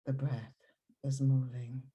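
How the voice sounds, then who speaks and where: Here a woman's rumbling low voice leads a guided meditation. Soft and breathy, she speaks in a soothing, calm way, taking her time and pausing at length.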